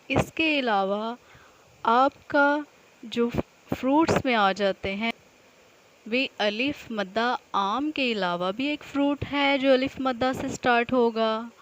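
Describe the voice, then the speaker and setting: A woman leads a nursery alphabet lesson. Her voice sits a little high, and she speaks very slowly, drawing out every syllable so small children can follow and repeat. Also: dull audio. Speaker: nursery Urdu teacher.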